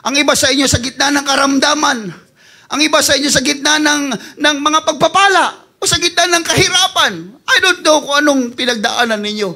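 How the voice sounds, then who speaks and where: A man, a pastor preaching a sermon with passion, swinging between hushed lines and shouting. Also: very high voice, brisk.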